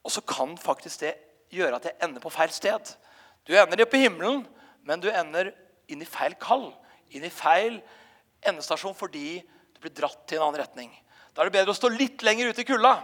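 A man's voice: a little high, animated, a bit bright, big-room sound. A man preaching a sermon as a pastor, telling stories with frequent hesitations.

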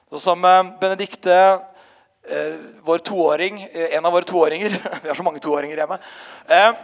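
High-voiced male preacher in a reverberant hall. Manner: storytelling with frequent hesitations. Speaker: pastor. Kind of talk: sermon.

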